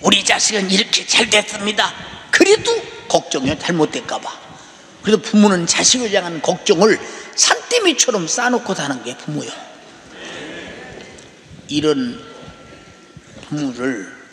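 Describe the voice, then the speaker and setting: Older pastor preaching in an echoing hall. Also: male voice, fairly high pitch, fairly bright tone. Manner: emphatic, rhetorical "eh?" prompts to the congregation. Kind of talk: sermon. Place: large church sanctuary. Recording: echoey hall reverb.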